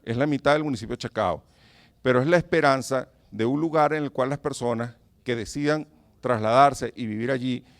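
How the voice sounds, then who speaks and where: Earnest Venezuelan man lecturing. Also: mid-range voice. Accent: Venezuelan Spanish. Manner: earnest, emphatic, addresses audience with rhetorical questions. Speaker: professor giving a talk. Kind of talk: public lecture.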